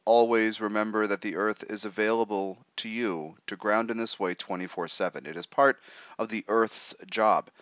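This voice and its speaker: A man guiding a meditation in a measured, instructive way, pausing between short phrases. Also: on the low side, fairly even intonation, a bit bright, clean tone, dry recording, highs cut off. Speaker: meditation guide. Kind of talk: guided meditation.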